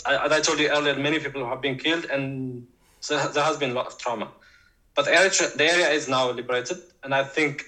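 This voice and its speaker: A man's voice: medium pitch, bright, forceful tone, rough recording. A man from Tigray, answering interview questions as a guest, hesitant and full of fillers and restarts. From Tigray, Ethiopia. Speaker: guest activist.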